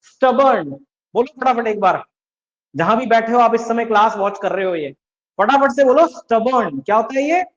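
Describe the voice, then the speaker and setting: Male online tutor, high-pitched, drills words by call and response, muffled recording. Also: lively intonation, moderate pace. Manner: drills students with repeated questions and answers; mixes English words into Hindi explanations. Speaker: English vocabulary teacher. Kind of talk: online exam-prep class.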